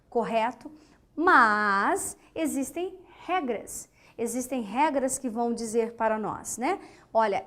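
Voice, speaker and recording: A woman's voice: fairly high pitch, a bit bright. A woman teaching a grammar lesson, patiently repeating key words and asking and answering her own questions.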